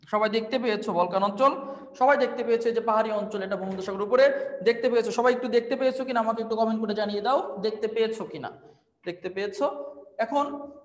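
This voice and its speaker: A man's voice: extremely high pitch, roomy sound, big-room sound, rough recording. A man with a Bangladeshi Bengali accent, teaching an online admission test class, drilling students with questions and spinning memory-trick stories. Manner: teaches memory tricks through playful storytelling.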